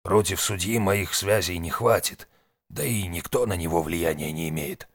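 Weary old fixer, grim and curt, low voice, male narrator. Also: moderate pace, no room sound, studio quality.

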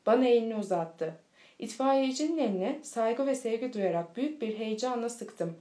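A woman reading a children's storybook aloud in a steady, clear manner. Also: on the high side, moderate pace. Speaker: audiobook reader. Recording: echoey room.

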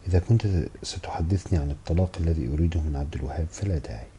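A man's voice: a bass voice, racing, warm tone, slight background noise. A man reading the part of a cold, curt foreign woman who refuses to talk in an audiobook. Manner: cold, dismissive.

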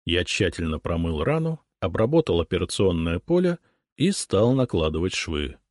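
A man narrating an audiobook in the first person and voicing its characters with a raised pitch. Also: very animated, normal speed, darkish tone, dry recording, studio quality. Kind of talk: narration with acted dialogue.

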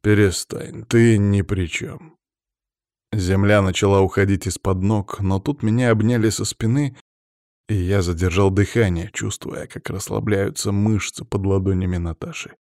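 A man narrating a first-person audiobook in a low voice. His reading is quiet and measured, often dropping to a hush. The sound is dry and close, with no room echo. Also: steady tone.

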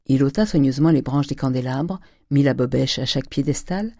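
Measured reader with a dark, mellow voice. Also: mid-range voice, no room sound, clean studio sound. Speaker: audiobook reader. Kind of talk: scripted narration of a classic novel.

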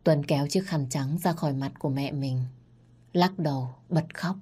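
A woman narrating a dramatic story, reading every part herself and rising loud and high in the quarrels. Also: normal speed, husky. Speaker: storyteller narrating all parts.

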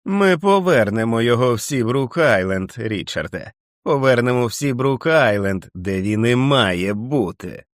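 A man voicing a chorus of jeering beast-men who taunt and chant in slow, drawn-out calls. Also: mid-range voice, lively intonation, pitched above the performer's own voice, lightly acted.

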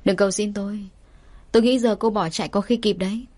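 A woman voicing a composed young man who speaks calmly with quiet menace. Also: medium pitch, quick pace, natural voice. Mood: calm menacing. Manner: calm, even, quietly threatening.

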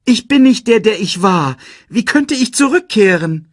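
A man voicing Simba, an earnest young male lion who cries out in a high, emotional voice. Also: very animated, slow pace, fairly bright tone, husky, no echo, clean studio sound, exaggerated voice. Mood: pleading.

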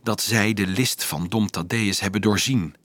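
A man voicing a sly young male student in a story, speaking in a low, teasing whisper. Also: normal speed, fairly bright tone, dry recording, studio quality.

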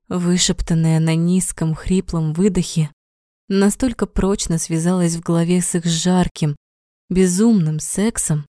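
A woman narrating a story as an audiobook with even, measured storytelling. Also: lowish voice, dry recording, studio quality.

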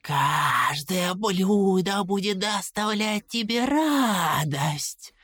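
A woman voicing a dead, whispering old man made of rats, slow and coaxing in an audiobook. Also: mid-range voice, animated, fairly bright tone, dry recording, studio quality, heavily acted. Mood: eager promising. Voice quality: breathy whisper. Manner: slow, wheedling, tempting. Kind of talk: audiobook character voice.

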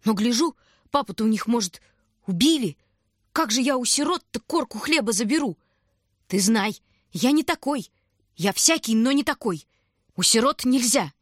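A muddled stranger with a thin, squeaky voice pitched well up, muttering and rambling as if to himself, as a woman storyteller puts him on. Husky and close, recorded dry in an audiobook. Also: lively intonation, measured pace, no echo. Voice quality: squeaky, mumbling.

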